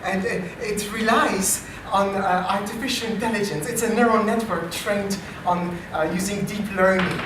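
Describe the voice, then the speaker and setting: At a live comedy meetup venue, an AI researcher with a French accent emcees an improv show in a high, fairly even voice. His stage talk is dry and self-mocking, full of halting restarts, heard from a distance in a very echoey room with background noise.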